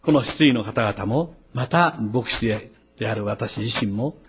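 A man, a pastor, preaching a sermon, lifting his voice sharply on key words and dropping into quick asides. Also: on the low side, fairly bright tone, husky.

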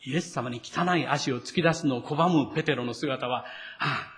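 A man's voice: mid-range voice, a little fast. A male pastor preaching a sermon, speaking to the congregation directly and acting out the quoted lines.

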